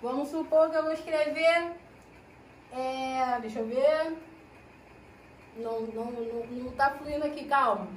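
A woman teacher explaining a lesson to her pupils, drawing out key words slowly and checking in with "né?" and "ó". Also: high-pitched, a little hiss or hum. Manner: slow, drawn-out explanations with frequent "né?" and "ó". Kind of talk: recorded class lesson. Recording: echoey room, voice from a distance.

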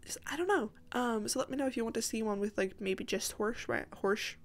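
A woman's voice: on the high side, brisk. Chatty woman with a strained, cracking voice. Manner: chatty, self-interrupting, apologetic asides. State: strained sore voice, cracking now and again. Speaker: gaming video creator. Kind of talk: casual rambling voiceover for a build video.

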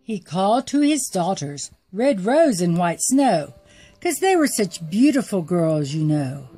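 A woman narrating a rhyming story in an expressive, sing-song way. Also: lowish voice, unhurried, slightly rough, soft background music.

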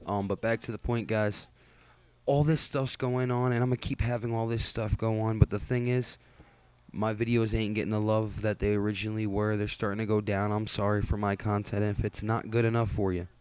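A man's voice: fairly low pitch, little pitch movement, a little fast, darkish tone, clear, resonant tone. A tired young man hosting his gaming channel, talking casually and rambling in a laid-back, self-deprecating way over gameplay.

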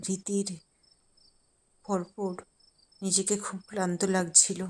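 A woman narrating a cartoon story in a measured, plain storytelling manner. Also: mid-range voice, level tone, a little mellow.

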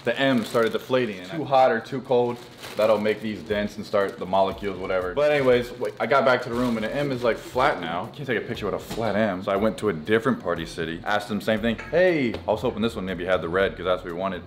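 A man's voice: on the low side, fast, a little hiss or hum. A man hosting a vlog, telling a rambling, exasperated story to camera. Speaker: vlog host.

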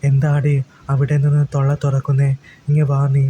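A man voicing a sharp-tongued mother who scolds her children, in a flat, low-key way. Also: normal speed, a little hiss or hum, natural voice. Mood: scolding.

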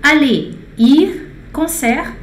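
High-voiced chatty woman teaching French. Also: echoey room, slight background noise. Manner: chatty, reads out student answers and corrects them; slows down to model French pronunciation. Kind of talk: live online language lesson.

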